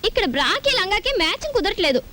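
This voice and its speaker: A woman's voice: extremely high pitch, sing-song, rapid-fire, bright, forceful tone, slight background noise, full character voice. An actress playing a spoiled, fashion-mad young woman who whines petulantly. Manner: whiny, petulant.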